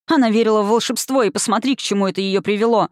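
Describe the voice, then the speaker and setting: A woman's voice: mid-range voice, racing, dry recording, studio quality, natural voice. A woman reading an audiobook, voicing an accusing, menacing witch who snarls and hisses. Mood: bitter, brooding. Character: bitter, menacing witch, woman, middle-aged.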